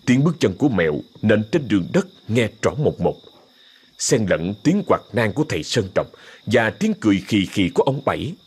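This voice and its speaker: A man, narrating a ghost story in an expressive scripted style. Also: lowish voice, normal speed, breathy edge.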